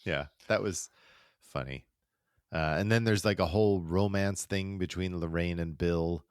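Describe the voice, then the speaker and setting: A man's voice: deep voice, measured pace, clear, resonant tone, no echo, studio quality. A man co-hosting a casual podcast in an easygoing, agreeable way, chuckling along. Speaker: podcast co-host. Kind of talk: casual retrospective chat.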